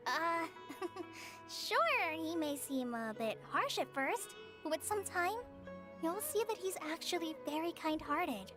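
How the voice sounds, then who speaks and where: A woman's voice: extremely high pitch, expressive, slow pace, full character voice. A woman voicing a shy, kind young female forest ranger in a video game who often hesitates and stammers. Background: game music.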